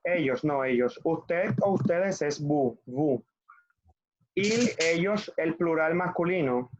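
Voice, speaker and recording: A man's voice: fairly high pitch, expressive, slow, lo-fi sound. A man with a Colombian Spanish accent teaching a French class over video, patiently drilling conjugations for students to repeat.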